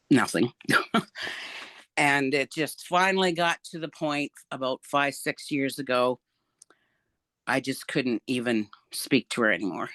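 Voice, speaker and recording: A woman's voice: rumbling low, a bit bright, no echo. An older woman, a grandmother, speaking frankly and emphatically as an interview guest, with the odd wry laugh. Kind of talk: candid interview about family.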